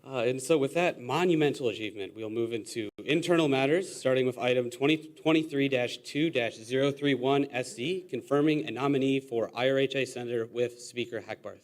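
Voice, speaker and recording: Brief: young male student senate chair, brisk procedural delivery, mid pitch. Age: young adult. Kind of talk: parliamentary procedure.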